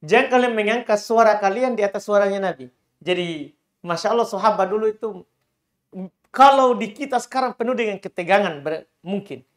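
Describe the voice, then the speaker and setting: A man's voice: sits high, expressive, fairly quick. A middle-aged male Islamic preacher, giving a religious lecture and answering questions. He repeats key phrases and his voice climbs sharply when he stresses a point.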